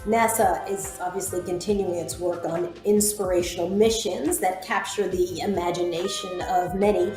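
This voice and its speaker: A woman interviewer leading a conversation in a thoughtful, slightly halting way. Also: on the low side, steady tone, echoey room, music in the background, poor audio.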